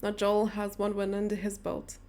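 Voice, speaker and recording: A woman's voice: medium pitch, little pitch movement, moderate pace, a little mellow. A young woman streaming, chatting casually and teasing her viewers as she reads their messages aloud. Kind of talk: casual live-stream chat.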